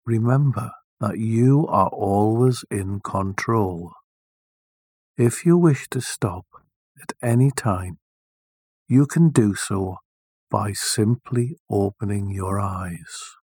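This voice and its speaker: A man leading a guided meditation, speaking softly and soothingly with long, deliberate pauses. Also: on the low side, husky, no echo.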